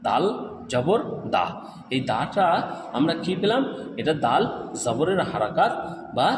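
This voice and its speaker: A man's voice: mid-range voice, background noise. Man teaching Quran reading in an echoey room. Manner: drawls sung syllables, asks and answers himself. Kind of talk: step-by-step recitation lesson. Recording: echoey room with long reverb.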